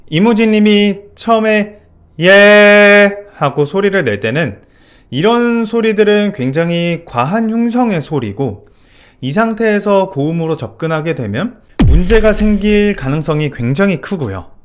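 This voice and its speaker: A man working as a vocal coach, giving a methodical vocal technique lesson and explaining technical terms clearly. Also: a little high.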